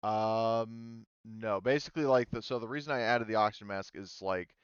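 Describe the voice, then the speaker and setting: A man running a casual online tabletop role-playing game as game master explains things in hesitant pieces. His lowish, smooth voice moves at normal speed, and the dry recording sounds dull and slightly muffled.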